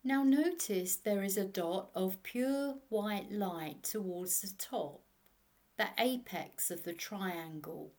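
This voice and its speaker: This woman's mid-range voice leads a guided meditation with the calm of a bedtime sleep story. She speaks softly and slowly, letting long silences linger.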